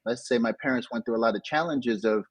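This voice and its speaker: A man's voice: mid-range voice, quick pace, slightly rough, no echo, rough recording. A man from Nigeria, an interview guest, telling his life story in a reflective, casual way with frequent restarts. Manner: reflective, frequent restarts, animated when recounting. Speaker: interview guest, digital entrepreneur.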